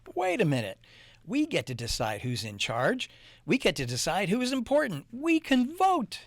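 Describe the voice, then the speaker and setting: A man's voice: a little high, huge pitch swings, normal speed, no echo, full character voice. A man voicing a friendly, clever male dog who speaks in an earnest, eager way in a storybook reading.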